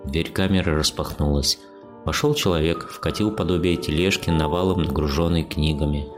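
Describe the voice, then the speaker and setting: A man narrating an audiobook story in a measured storytelling manner. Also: a bass voice, music in the background. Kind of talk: scripted narration.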